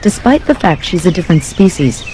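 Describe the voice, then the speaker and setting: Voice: medium pitch, big pitch swings, a little fast, darkish tone, slight background noise. A narrator reading a scripted nature documentary voice-over. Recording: voice-over with prominent music. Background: music.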